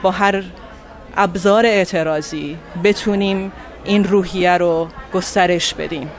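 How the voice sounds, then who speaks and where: A young Iranian woman answers an interviewer with a Persian accent. She speaks earnestly and deliberately into a handheld microphone. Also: lowish voice, fairly even intonation, a faint crowd. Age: young adult. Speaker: actress being interviewed. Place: indoor venue lobby. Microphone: handheld reporter microphone.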